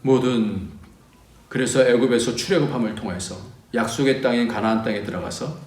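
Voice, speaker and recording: A male pastor delivering a sermon in a roomy, echoing space. His voice sits in a middle register, and he preaches with energy, pitch and loudness rising and falling widely. He also reads scripture aloud in long passages. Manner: animated preaching with wide swings in pitch and volume.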